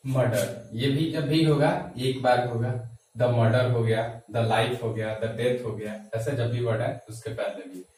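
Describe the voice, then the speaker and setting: A man teaching a grammar class, dictating sentences slowly and explaining quickly between them. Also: medium pitch, fairly even intonation, darkish tone. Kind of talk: classroom lesson. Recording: echoey room, voice from far off.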